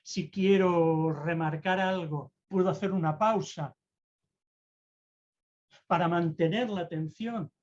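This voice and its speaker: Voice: medium pitch, darkish tone, highs cut off. Theatrical speaker. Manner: theatrical, deliberately varies tone and pace. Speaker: presentation-skills mentor. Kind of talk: online talk on public speaking.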